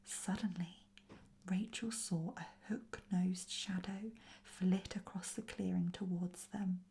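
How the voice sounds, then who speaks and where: Softly whispering woman reading a children's story. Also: fairly low pitch, steady tone, takes it slowly, creaky. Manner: softly spoken, soothing. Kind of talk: whispered role-play.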